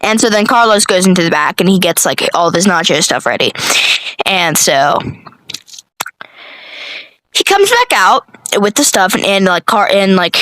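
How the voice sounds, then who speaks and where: A woman telling a rambling comedic story full of swearing, self-corrections and deadpan asides. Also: mid-range voice, no room sound, low-quality recording.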